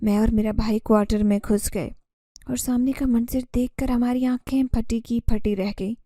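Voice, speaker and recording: Storyteller: woman, first-person horror narration, mellow and dry close sound. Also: on the high side, fairly even intonation, moderate pace, no echo.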